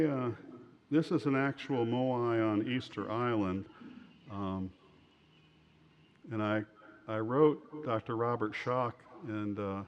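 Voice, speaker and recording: In a muffled recording, a male author gives an informal slide lecture, his delivery halting and rambling. His voice falls in the mid range.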